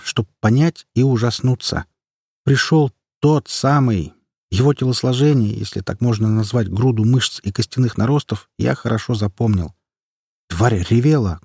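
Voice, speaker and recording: A man's voice: medium pitch, a little mellow, slightly rough, no room sound, studio quality. A man narrating an action story audiobook in the first person, telling it dramatically.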